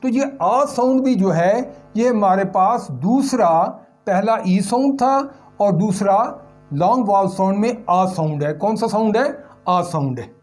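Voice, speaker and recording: A man's voice: high-pitched, expressive, measured pace, a little mellow, faint music behind. A male English teacher giving a recorded lesson on pronunciation, asking questions and answering them himself while repeating the key sounds.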